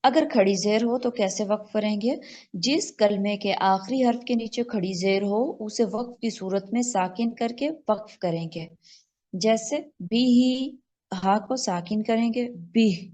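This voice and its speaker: A woman from Pakistan teaching an online recitation class, explaining rules step by step, checking that students follow, and drawing out example words slowly. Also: medium pitch, dark tone. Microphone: online call.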